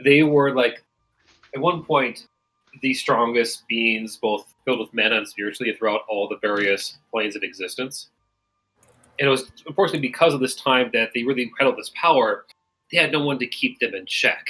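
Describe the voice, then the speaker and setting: A man's voice: medium pitch, normal speed, bright, forceful tone, soft background music, low-quality recording. A man narrating and explaining lore as game master of a tabletop game, in a rambling, casual way with many fillers.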